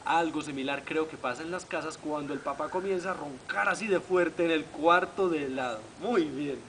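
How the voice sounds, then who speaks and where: A man reading a children's story aloud in an animated way, speaking to young listeners and imitating the animal sounds. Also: a little high, moderate pace. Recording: noisy home video recording.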